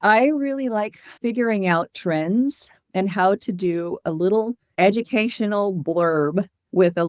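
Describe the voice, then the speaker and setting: A woman's voice: lowish voice, dry recording, clean studio sound. A woman speaking as an interview guest and hospice educator, telling anecdotes and explaining things in a candid, earnest, conversational way.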